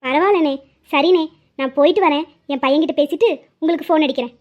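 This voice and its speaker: A woman's voice: high voice, quick pace, lightly acted. A woman voicing a well-off, kind middle-aged mother in a cartoon, speaking in an earnest, reassuring way. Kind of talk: cartoon voice acting. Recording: dull lo-fi audio.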